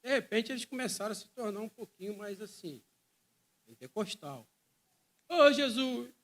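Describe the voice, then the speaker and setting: A man's voice: high voice, very animated, normal speed, a bit bright. A man with a Brazilian Portuguese accent preaching a sermon, fervent and emphatic, often repeating phrases and calling listeners brother.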